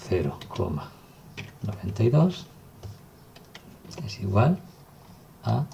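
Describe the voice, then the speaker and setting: Low gravelly male teacher. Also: slow pace, slight background noise. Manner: calm, step-by-step explaining while writing. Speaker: math teacher. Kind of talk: recorded math lesson.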